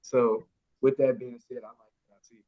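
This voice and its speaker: A man's voice: medium pitch, little pitch movement, normal speed, dull audio. A man co-hosting a casual sports podcast, slangy and stumbling through restarts, calling people "bro.".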